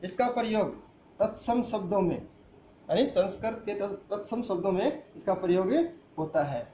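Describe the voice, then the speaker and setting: A man's voice: high voice, expressive, normal speed, dark tone, echoey room, a little hiss or hum. A man teaching a grammar lesson who asks the class questions and answers them himself. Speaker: school teacher.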